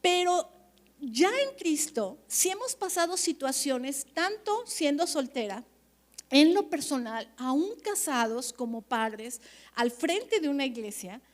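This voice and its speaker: A woman pastor, preaching at a leaders' conference in an animated, chatty way, often checking that the audience agrees. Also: high-pitched, slow pace.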